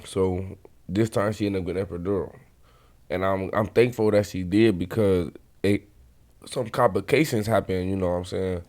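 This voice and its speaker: A man's voice: deep voice, steady tone, normal speed, darkish tone. A man with the hiccups, earnestly telling a personal story in casual podcast chat. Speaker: podcast host.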